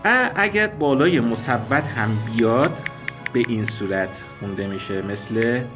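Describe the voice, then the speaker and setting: A man teaching a spoken language lesson, explaining slowly and repeating sounds and example words. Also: mid-range voice. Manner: slow, careful explanations, repeating and spelling out sounds.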